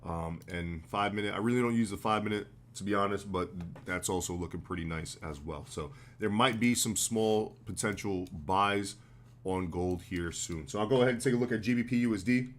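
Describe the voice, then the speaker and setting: An American man with a deep voice, a bit hoarse because he's coming down with a cold, hosts a casual trading livestream with live market commentary. He explains things briskly in a relaxed, loose, slangy way, sprinkling in fillers.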